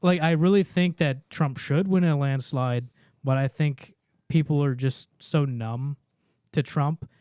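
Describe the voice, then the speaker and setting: A man co-hosting a podcast, reading off a list of states in a steady run, then talking through his reasoning in casual chat. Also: fairly high pitch, a little slow, smooth, no echo, clean studio sound. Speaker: podcast co-host.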